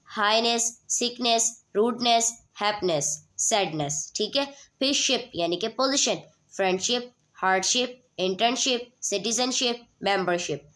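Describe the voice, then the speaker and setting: A woman's voice: on the high side, fairly bright tone. A young woman giving a vocabulary lecture, mixing English words into Urdu and posing questions to her students before answering them. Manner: mixes English terms into Urdu, quizzes listeners with questions. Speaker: nursing lecturer.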